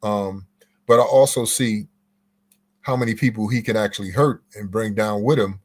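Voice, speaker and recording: A man's voice: on the low side, moderate pace. A man answering interview questions on a podcast, explaining step by step and repeating phrases for emphasis. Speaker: guest legal commentator.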